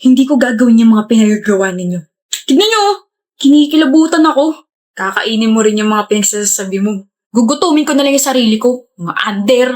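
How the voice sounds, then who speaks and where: Casting: babae bilang mayabang at nanunuyang binata, medyo mataas ang boses. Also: female voice, fairly high pitch, fast, darkish tone, close to an everyday voice. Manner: sneering, scoffing. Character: mocking young man who scorns girlfriends. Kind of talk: skit role-play.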